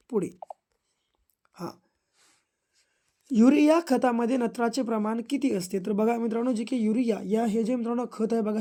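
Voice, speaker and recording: A woman's voice: on the high side, dark tone. A woman going through exam questions one by one, drilling the answers and urging listeners to memorize them. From Maharashtra, India. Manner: repetitive, drilling phrases, urges memorizing. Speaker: exam prep teacher.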